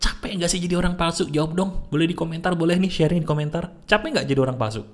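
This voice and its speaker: A man's voice: fairly high pitch, fast. A man giving a motivational talk, teasing and questioning the listener constantly. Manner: animated, keeps firing questions at the listener. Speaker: motivational speaker.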